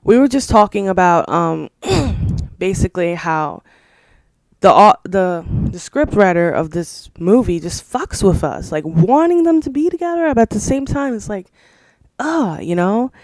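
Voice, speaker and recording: A casual film review spoken in a dry, close-up sound with a middling pitch. The talker rambles and swears freely, circling back with "you know" and "like". It sounds like loose, unscripted chat. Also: expressive, unhurried, no echo. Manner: laughs between remarks.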